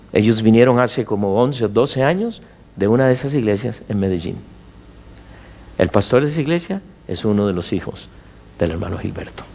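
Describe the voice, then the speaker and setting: A man's voice: fairly high pitch, vocal fry, a little mellow. A middle-aged man and pastor preaching a sermon, often asking the congregation rhetorical questions. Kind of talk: Spanish-language sermon.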